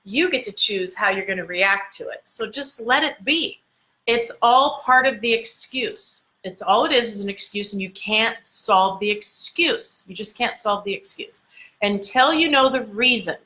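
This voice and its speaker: A woman's voice: a little high, bright, forceful tone. A woman giving a motivational lesson as a communication coach, talking emphatically and repeating her key phrases.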